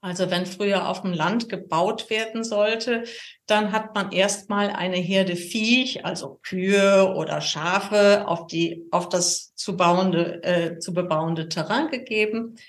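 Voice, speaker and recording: A woman's voice: mid-range voice, slow. A woman from Cologne with a Cologne accent, a cheerful guest explaining things in a podcast interview with many fillers. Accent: Cologne German. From Cologne, Germany. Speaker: geomancy guest. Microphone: camera set-up.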